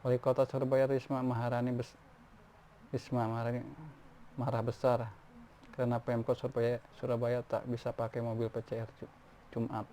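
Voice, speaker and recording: A man's voice: medium pitch, monotone, normal speed, pauses often, mellow. A man reading news articles aloud, often stumbling and restarting words. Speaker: news reader. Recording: faint background noise.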